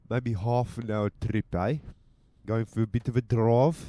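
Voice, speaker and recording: A man's voice: lowish voice, dark tone, no room sound. Joking man talking while driving. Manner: joking, mock-stern, chatty with asides. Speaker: podcast host. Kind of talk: casual rambling monologue while driving. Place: inside a car on the road. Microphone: handheld mic with headphones.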